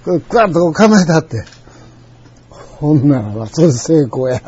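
A man's voice: fairly high pitch, big pitch swings, normal speed, dark tone, slightly rough, dull audio. An older man with a Kansai accent, telling old stories in a rambling way and chuckling now and then. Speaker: storyteller. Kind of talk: casual spoken reminiscence.

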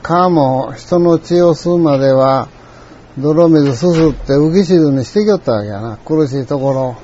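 An older man with a Kansai accent telling a rambling, reflective story in a folksy way, often clearing his throat. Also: mid-range voice, warm tone, muffled recording, slight background noise. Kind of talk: reflective monologue.

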